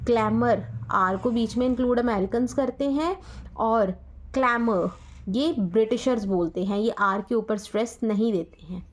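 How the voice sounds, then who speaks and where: A woman with an Indian accent teaches an English lesson in a somewhat high voice. She explains each point patiently and spells words out letter by letter. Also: darkish tone.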